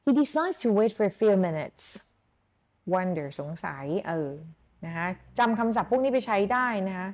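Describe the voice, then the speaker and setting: A Thai woman teaching an English lesson to students on a live stream. She reads a story aloud in English with a Thai accent and explains it in Thai, repeating words slowly for students to type and say. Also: fairly low pitch, animated.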